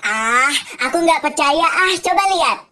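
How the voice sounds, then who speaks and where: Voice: sits high, lively intonation, moderate pace, bright, forceful tone, slight background noise. A performer voicing a bossy, sly schoolgirl who whines and taunts, in a cartoon. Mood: coaxing. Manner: whiny and taunting. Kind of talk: cartoon voice acting.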